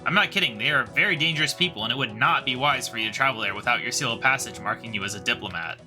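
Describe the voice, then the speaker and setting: A man's voice: mid-range voice, rapid-fire, over music, close to an everyday voice. A man voicing a pompous, formal sea captain in a game playthrough. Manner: stately, formal.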